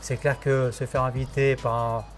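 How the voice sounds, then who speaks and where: A man's voice: medium pitch, flat delivery, moderate pace, soft background music. A man, a disinfection professional answering interview questions earnestly, often hesitating with fillers.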